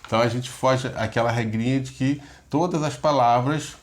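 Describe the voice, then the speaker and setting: A man's voice: mid-range voice, moderate pace. A middle-aged man, a pastor, giving a recorded Hebrew grammar lesson, explaining each step patiently and often checking in with short questions. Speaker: pastor teaching biblical Hebrew.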